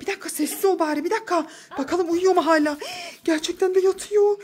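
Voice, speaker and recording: Excitable high-voiced mother narrating. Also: fast talker. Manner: excited, exclamatory, calls her daughter "anneciğim". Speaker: mother filming a family vlog. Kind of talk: dramatic play-acting narration for the camera.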